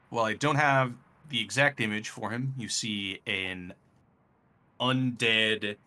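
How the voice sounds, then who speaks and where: Slow-talking man running a tabletop game. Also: on the low side, pushed and bright. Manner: unhurried, lots of fillers. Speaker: game master.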